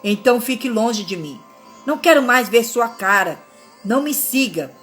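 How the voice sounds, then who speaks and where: A stern, majestic lion master from a storybook fable, read by a woman, giving curt commands. The voice sits fairly high. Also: animated, normal speed, fairly bright tone, faint music behind. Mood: scolding.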